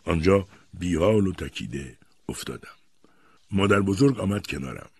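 A man narrating an audiobook in an expressive storytelling manner. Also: low-pitched, vocal fry, slightly rough, dry recording. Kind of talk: scripted narration.

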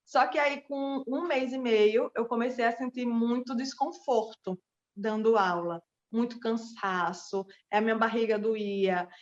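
A woman's voice: a little high, a little slow, highs cut off. A woman who teaches pole dance and runs a small business, telling her personal story earnestly and speaking straight to her listeners. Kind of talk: personal testimony.

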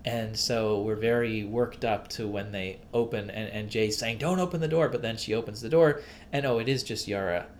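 A man's voice: lowish voice, level tone, normal speed, few pauses, a little hiss or hum. A man co-hosting a casual podcast about a film, rambling with many fillers and restarts. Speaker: podcast co-host.

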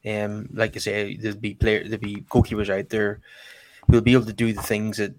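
A man's voice: fairly low pitch, little pitch movement, brisk, a little mellow, a little hiss or hum, rough recording. A man hosting a casual football discussion, speaking in a hesitant, searching way as he works through his points. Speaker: host of a football fan channel.

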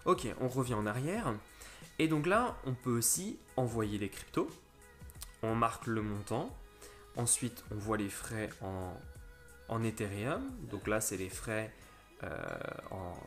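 A man's voice: lowish voice, animated, unhurried, fairly bright tone, soft background music. A man hosting a casual step-by-step tutorial, talking viewers through an app with frequent restarts. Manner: step-by-step, fillers and restarts, addresses viewers directly. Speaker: crypto tutorial host.

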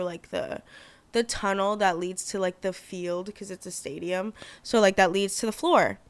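Young woman, podcast host, casual chat, bubbly, gushing, swears a lot, smooth voice, dry close sound. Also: medium pitch, dry recording.

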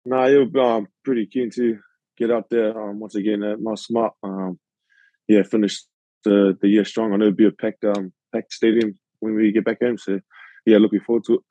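Guest interviewee: New Zealand man, 20s, low mellow voice, halting and humble delivery, dull dry lo-fi sound. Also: little pitch movement, no room sound. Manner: hesitant, many fillers, modest. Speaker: rugby league player, guest. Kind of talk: casual podcast interview.

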